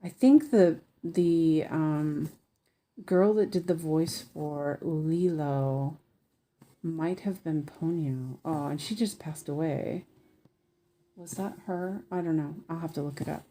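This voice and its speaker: A woman hosts a relaxed craft livestream in a low, soft-edged voice. She talks slowly, meandering as she thinks aloud. Her lisp gives the s sounds a slushy, sh-like edge. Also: slight background noise. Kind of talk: casual livestream chat while stitching.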